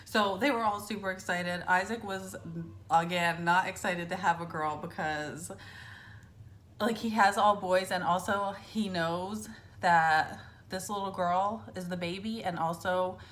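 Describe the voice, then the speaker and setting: A woman's voice: lowish voice, unhurried, fairly bright tone. A young adult woman vlogging casually to camera, telling a story full of fillers and acted-out quotes.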